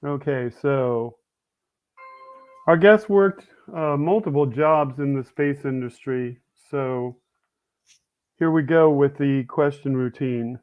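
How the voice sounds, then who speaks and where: A man's voice: mid-range voice, slow. A man hosting a podcast interview, reading his questions plainly from a script. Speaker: podcast host. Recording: tinny phone-like line.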